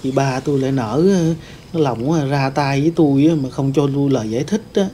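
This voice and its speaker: Casting note: a man as a grieving young male ghost, mellow voice, rambling telling. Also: medium pitch, a little fast, a little hiss or hum, natural voice. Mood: sorrowful. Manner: rambling storytelling, many fillers. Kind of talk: staged ghost-hunting role-play.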